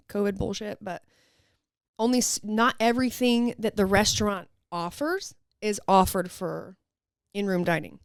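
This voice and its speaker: A woman's voice: fairly high pitch, no echo, studio quality. A woman podcast co-host telling personal stories in casual, informal chat, with a slight lisp from wearing retainers.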